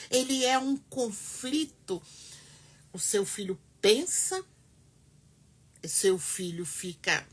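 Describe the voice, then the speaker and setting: Slow emphatic woman counseling moms, husky, lots of dramatic pauses. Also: fairly high pitch. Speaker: family counselor speaking to mothers. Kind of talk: heartfelt advice talk to camera.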